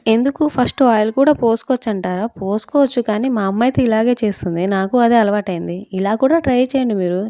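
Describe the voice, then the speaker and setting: A mother narrates her cooking in a casual vlog from a small, stuffy kitchen. She chats freely and keeps asking viewers questions. Her voice is mellow and soft-edged. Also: medium pitch. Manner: chatty, asks viewers questions. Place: small hot kitchen room.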